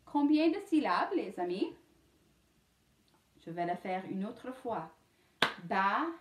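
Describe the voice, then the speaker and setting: A woman teaching young children a French lesson, sounding out letters and syllables slowly and clearly and slipping into English now and then. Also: mid-range voice, very animated, noisy background. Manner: sings a short vowel song. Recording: echoey room.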